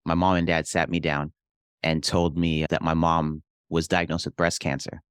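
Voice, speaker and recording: A young adult man from Hawaii, who is a real estate investor and a pastor, tells his life story earnestly and reflectively in a casual interview. His voice sits low, and the studio sound is clean with no echo.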